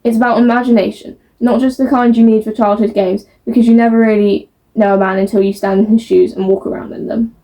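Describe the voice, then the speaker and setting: A woman's voice: a little high, level tone, quick pace, mellow. A woman chatting casually as a book vlogger, reading blurbs aloud and stumbling over words in a self-mocking way.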